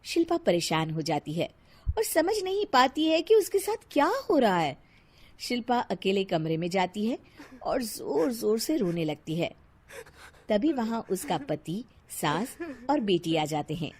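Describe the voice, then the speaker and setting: A woman narrating an animated cartoon story in a lively, expressive way. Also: mid-range voice, a little slow.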